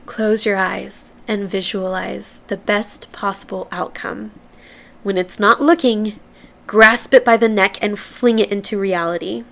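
A woman's voice: mid-range voice, fairly even intonation, measured pace, gravelly, fairly bright tone. A woman hosting a book podcast, reading excerpts aloud and then sharing heartfelt commentary that stumbles a little when she is moved.

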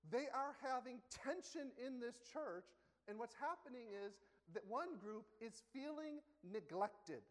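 In a church sanctuary with long hall reverb, a man delivers a sermon as pastor in a very high-pitched, expressive voice at a measured pace. His style is conversational and self-correcting, with frequent questions to the congregation.

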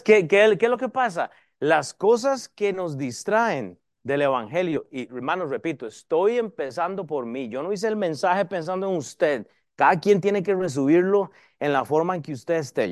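A man preaching a sermon as pastor, in a lively, conversational way and addressing the congregation as brothers. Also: on the high side, normal speed, dry recording, clean studio sound. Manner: lively preaching, varies loudness and pace.

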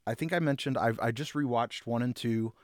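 A man co-hosting a podcast in casual chat, earnest and halting, restarting his sentences often. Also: medium pitch. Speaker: podcast co-host.

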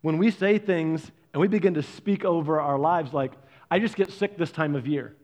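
A man preaching a sermon, animated and conversational, acting out quoted voices. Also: moderate pace. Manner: animated, acts out quoted voices with big pitch jumps. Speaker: pastor.

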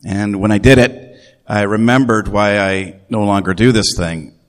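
A man's voice: fairly low pitch, steady tone, a little slow. A man pastor preaching a conversational sermon, often repeating his phrases and putting questions to the congregation. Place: church. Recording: long reverb of a church hall.

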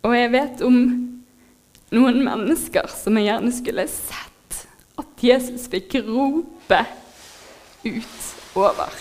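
Heartfelt woman preaching, fairly high voice. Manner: heartfelt, moved, laughs softly, pauses with fillers. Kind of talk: sermon.

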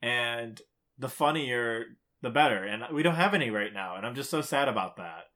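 A man's voice: medium pitch, animated, moderate pace, bright, forceful tone. A man with a Great Lakes accent from Michigan, chatting casually as a podcast co-host.

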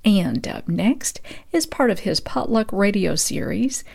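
A woman's voice: mid-range voice, expressive, measured pace, gravelly, a little mellow. A woman hosting a farm and food podcast, reading event announcements from a script. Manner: reads event listings steadily. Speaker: podcast host.

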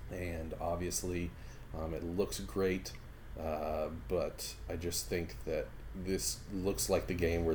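A man with a very low, deep voice talks casually and frankly on a podcast. He sounds enthusiastic and swears now and then, with a faint hiss of noise behind him. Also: darkish tone. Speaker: podcast co-host. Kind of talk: casual gaming chat.

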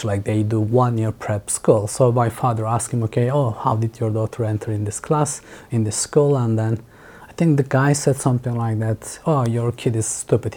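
A man with a Turkish accent and a mellow, dark voice talks as a podcast guest. He recalls things in a thoughtful, unhurried way, pausing and restarting his sentences often. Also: medium pitch. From Turkey. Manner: thoughtful, many restarts and fillers. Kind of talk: casual interview chat.

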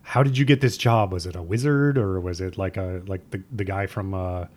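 A man chatting casually as an interviewer, halting and loose, with easy swearing. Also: low-pitched, steady tone, a little mellow. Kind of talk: casual chat.

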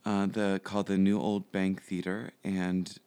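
Man, very low voice, rambling, fillers, casual interview chat. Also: level tone, unhurried, dark tone, smooth. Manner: rambling, many fillers and restarts. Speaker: podcast guest, actor.

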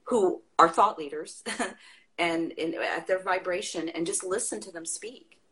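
A woman with a somewhat low voice talks with passion in casual conversation. She tells stories with energy and laughs as she goes. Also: a little slow. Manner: passionate, animated storytelling with laughs. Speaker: guest.

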